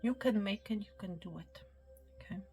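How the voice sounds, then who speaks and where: A woman giving a spiritual reading in a soft, reassuring way, often dropping to a whisper and checking in with the listener. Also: medium pitch, moderate pace. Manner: soft, reassuring, repeats "okay" and "my friend"; drops to a whisper at times. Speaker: psychic reader. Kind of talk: tarot-style spiritual reading to camera. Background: soft background music.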